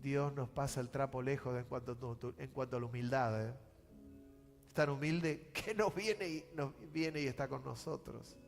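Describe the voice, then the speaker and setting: A pastor with a Rioplatense Spanish accent preaching a sermon, swinging from loud outbursts to hushed, slow pleading. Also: male voice, medium pitch, gravelly. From Argentina. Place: church sanctuary. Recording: church hall reverb with music.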